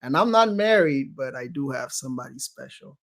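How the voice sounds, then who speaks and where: A man in his thirties from Cameroon, a guest in a casual interview chat, upbeat and quick to laugh. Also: medium pitch, lively intonation, vocal fry. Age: 30s.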